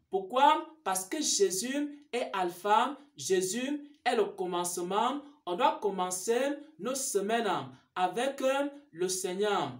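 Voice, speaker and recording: A church minister giving a sermon-style announcement, with repeated rhetorical questions and answers. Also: mid-range voice. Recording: roomy echo.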